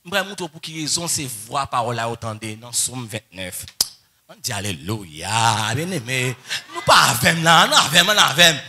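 A man preaching a sermon, moving between soft coaxing asides and shouted, sung-out exclamations. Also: medium pitch, very animated, moderate pace, breathy edge. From Haiti. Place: church or conference hall.

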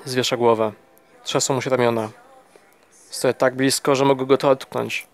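A man's voice: mid-range voice, moderate pace. Man narrating a novel in first person. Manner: steady, with small slips and restarts. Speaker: audiobook narrator.

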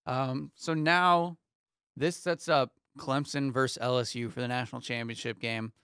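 Going through game scores in a steady rundown full of ums, a young man in his twenties co-hosts a casual sports talk show. His voice is clear and resonant at medium pitch and normal speed, with no echo. He sits in a small foam-paneled studio using an arm-mounted studio mic and headphones.

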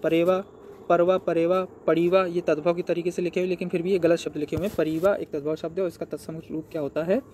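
High-voiced man tutoring Hindi exam questions. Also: flat delivery, quick pace, darkish tone, slight background noise. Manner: explains step by step, asks and answers his own questions. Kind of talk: exam paper walkthrough.

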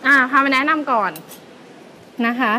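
A young woman hosting a food vlog, chatty and excitable, walking through seafood dishes at a seaside restaurant. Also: high voice, unhurried, slight background noise, rough recording. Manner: chatty and excitable, lots of fillers and exclamations. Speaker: food and travel vlog host. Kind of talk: casual food review walkthrough.

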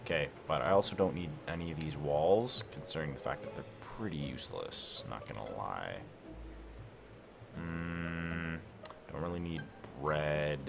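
A young man with a gravelly bass voice talks through his own game late at night at home, animated but at a measured pace, with background noise around him. He's a gaming YouTuber doing casual let's-play commentary into a desk mic, rambling and questioning himself with plenty of "like" and "I don't know."

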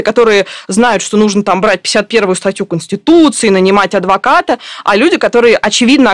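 A woman's voice: medium pitch, no echo, clean studio sound. Woman reporter explaining in detail. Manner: detailed, many fillers and restarts. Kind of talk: explanatory news discussion.

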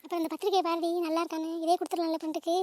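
A woman's voice: very high-pitched, little pitch movement, rapid-fire, darkish tone. A woman voicing a scolding, melodramatic middle-aged mother in a cartoon family drama. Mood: bossy. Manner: nagging, melodramatic.

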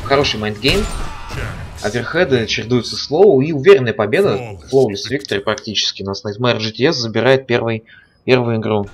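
A man's voice: medium pitch, brisk, slightly rough. A man giving live commentary on a fighting game stream, as a stream commentator. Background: game music and sound.

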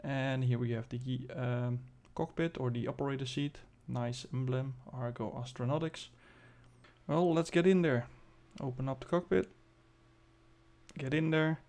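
A man giving casual commentary as host of a game showcase, halting and thinking aloud as he demonstrates. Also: medium pitch, steady tone, a little mellow. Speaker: video host presenting a game spaceship.

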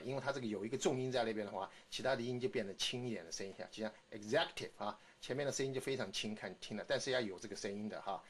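Male phonics teacher, mid-pitched, repeats words slowly in drills, "ha" tag on phrases. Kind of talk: recorded phonics lesson.

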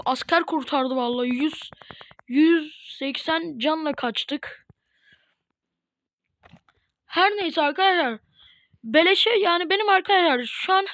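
A woman at home chatting casually to her viewers while playing a game, chatty and prone to excited, dramatic outbursts. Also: sits high, no echo. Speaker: gaming video host. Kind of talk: casual gameplay commentary.

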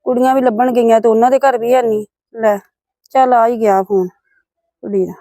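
A woman's voice: a little high, fairly even intonation, a little fast, warm tone, dry recording. Older Punjabi woman, worried, rambling, bone-dry close sound. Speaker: actor in a family drama. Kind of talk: village family drama acting.

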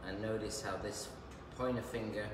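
A croaky-voiced man in his fifties, a hairdresser and educator, teaches a live haircut lesson in a large, bright indoor salon, chatting and joking as he cuts. His voice is fairly low and steady at a moderate pace. A phone camera held nearby captures it, and the salon is echoey and noisy.

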